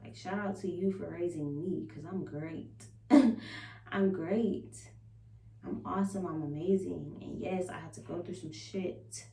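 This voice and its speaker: A woman's voice: fairly low pitch, steady tone, measured pace, gravelly, warm tone. A woman vlogger chatting casually and confessionally to viewers, candid and emphatic, swearing freely and repeating affirmations. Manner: candid, emphatic, profanity-laced, repetitive self-affirming. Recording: roomy echo, distant mic, faint hum.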